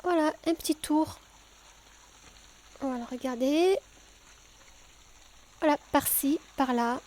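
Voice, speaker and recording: A woman with a southern French accent, calmly explaining a cooking tutorial step by step, with frequent hesitations. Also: sits high, slow. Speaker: home cook.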